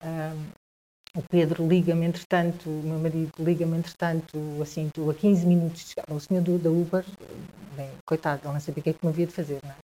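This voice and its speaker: Speaking as a conversation guest, this woman recounts something from her own life in a European Portuguese accent. She has a low, warm voice with little pitch movement, and she stumbles along, restarting often and repeating words.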